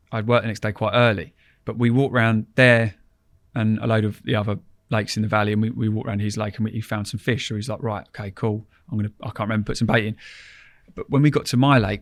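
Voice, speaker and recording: Low-pitched man. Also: no echo, studio quality. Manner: informal, colloquial, rambling. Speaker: podcast guest, angler. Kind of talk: casual anecdotal storytelling.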